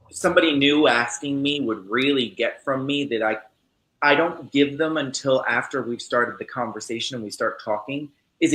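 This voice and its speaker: A man's voice: mid-range voice, sharp tone. A male host making thoughtful, emphatic points in a casual panel chat. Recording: roomy echo.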